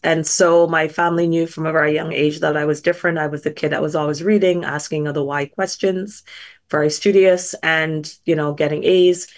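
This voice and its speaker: A middle-aged woman speaks in a fairly low voice. She talks as a guest scientist sharing her life story, thoughtful and earnest, often restarting a phrase to find the right words. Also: level tone, a little fast. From Barbados. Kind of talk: reflective personal storytelling.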